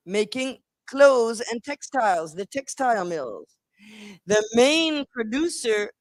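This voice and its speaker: A middle-aged woman professor giving an academic lecture, deliberate, repeating words and restarting phrases, asking the audience questions and answering them herself. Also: on the high side, no echo, poor audio.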